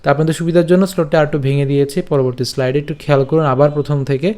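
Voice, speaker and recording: A man teaching scripture recitation over slides, breaking words into syllables slowly and patiently, often checking that listeners follow. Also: fairly high pitch, fairly even intonation, a little mellow. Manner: patient, repeats each syllable, checks understanding. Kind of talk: slow syllable-by-syllable pronunciation lesson.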